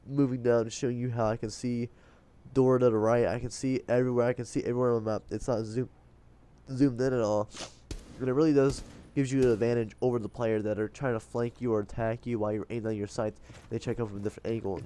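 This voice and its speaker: A gaming video host dubs casual, rambling tips onto game footage, his medium-pitched, mellow voice stuffy from a blocked nose that has him breathing through his mouth.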